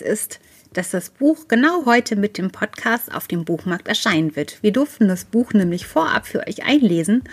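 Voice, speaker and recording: Husky woman hosting a library podcast. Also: mid-range voice.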